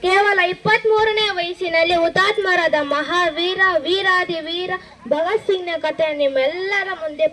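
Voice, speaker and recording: A woman's voice: very high voice, fairly bright tone. A woman announcing and narrating a school stage play, opening with a rhythmic crier-style call to the audience. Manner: rhythmic, chanting call to listen. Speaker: program announcer.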